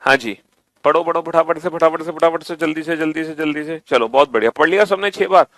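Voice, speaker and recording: A man's voice: on the high side, fast, a bit bright, no room sound. A man teaching an online reasoning class, coaxing students with repeated instructions and calling them beta.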